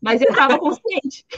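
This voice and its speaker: A woman sharing a faith testimony in casual chat, speaking haltingly with many restarts. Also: sits high. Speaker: guest giving testimony. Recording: dry, slightly dull recording.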